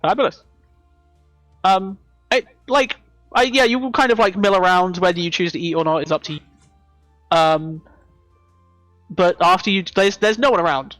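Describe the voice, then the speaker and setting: Female game master, improvised narration, halting delivery, close dry sound, faint music underneath. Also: lowish voice, no echo. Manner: halting, trailing, thinking aloud.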